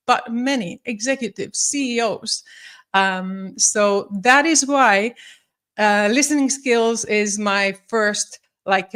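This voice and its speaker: This mid-range, fairly bright voice belongs to a woman in her forties from Finland, a psychologist and leadership coach talking on a live stream. Her manner is friendly with slightly formal phrasing, and she says um and restarts a lot.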